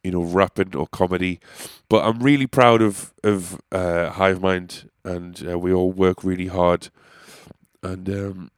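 This podcast host, a comedian and musician, speaks in a low, steady voice at a slightly slow pace, recorded at studio quality with no echo. Stuffy-nosed, he delivers a casual, rambling monologue full of swearing and self-deprecation.

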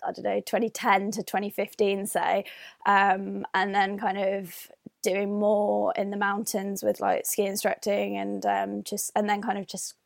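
Woman, young adult guest on a call, gravelly, halting chat, dry sound. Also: medium pitch, completely flat delivery, no echo. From Northern Ireland. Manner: hesitant, many fillers and restarts. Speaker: guest, adventure athlete. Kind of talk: casual interview answers. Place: home, remote call.

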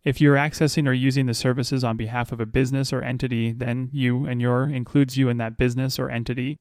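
A man narrating as a sleep story host, reading in a measured, deliberate bedtime style. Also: medium pitch, a little mellow, dry recording, clean studio sound. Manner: measured, unhurried, deliberate phrasing.

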